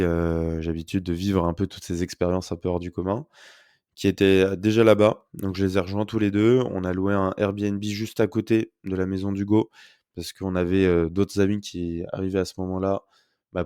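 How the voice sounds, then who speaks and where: Low-pitched, dark, and smooth, this young podcast host chats alone from home, upbeat and filler-heavy despite his stuffed nose and sore throat. A close podcast mic gives studio-quality sound with no room echo.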